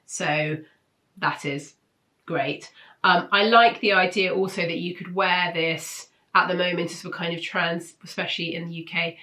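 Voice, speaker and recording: Down with flu and a blocked nose, a British woman sounds nasal and congested as she chats to camera, reviewing patterns for her weekly sewing roundup. She speaks at a normal speed in a lowish, bright voice with fairly even intonation, keeping things informal and enthusiastic.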